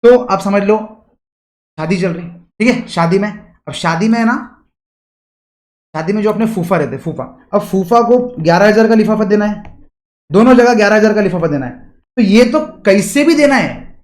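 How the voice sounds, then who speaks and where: A man's voice: high-pitched, lively intonation, normal speed, long pauses, echoey room. A man giving an exam revision lecture, who keeps asking rhetorical questions and uses everyday examples. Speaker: teacher.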